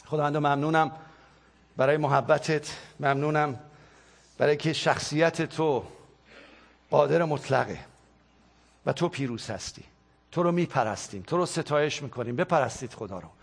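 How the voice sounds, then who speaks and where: A man's voice: a little high, gravelly, long pauses. A male pastor delivering a sermon and leading a spoken prayer, in an impassioned, repetitive preaching cadence.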